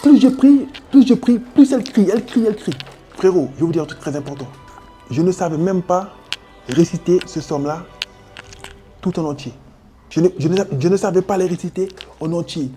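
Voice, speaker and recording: High, mellow-voiced French Guianese man. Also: lively intonation, a little fast, faint music behind. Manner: street slang, sound effects, addresses listener as brother. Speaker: interviewee. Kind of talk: animated personal storytelling.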